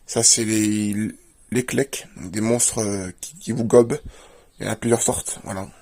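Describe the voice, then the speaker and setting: A man's voice: on the low side, fairly even intonation, measured pace, darkish tone. A man, a video creator, doing a casual show-and-tell and plainly listing items one after another. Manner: plainly lists items while leafing through a book.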